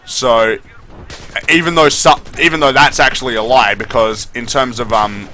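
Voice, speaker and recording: A man's voice: mid-range voice, fairly even intonation, normal speed, pushed and bright, a little hiss or hum. A man giving unscripted, opinionated game review commentary as a video host, speaking bluntly with casual swearing.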